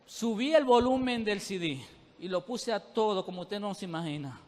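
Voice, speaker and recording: A man's voice: high voice, animated, normal speed, darkish tone. A man preaching a sermon, speaking fervently and directly to the congregation. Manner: fervent, addresses the congregation directly with rising intensity. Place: church. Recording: long reverb of a church hall.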